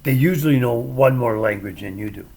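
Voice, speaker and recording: A man's voice: medium pitch, a little fast, a little mellow. An older man with a Midwestern accent, chatting casually and telling stories with wry opinions. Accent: American Midwestern. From American Midwest. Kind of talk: casual chat.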